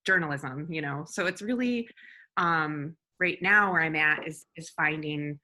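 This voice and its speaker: A woman photographer asking questions in a relaxed conversation, thinking aloud in halting phrases full of "like" and "um". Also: low voice. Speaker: photographer, interviewer.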